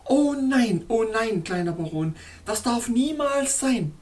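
A woman's voice: on the low side, expressive, a little slow. A woman voicing a sorrowful, anxious young fairy princess in a storybook reading, with a pleading, tremulous murmur. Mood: alarmed.

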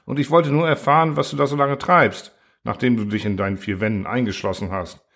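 A man's voice: mid-range voice, fairly even intonation, brisk, a bit bright. A man doing a frantic, pleading robot. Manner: protesting, pleading. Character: flustered pleading male robot constructor.

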